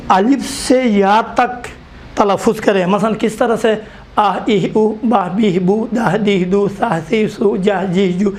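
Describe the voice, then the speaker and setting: A man teaching a Quran recitation class, patiently spelling out vowel sounds one by one. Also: high voice.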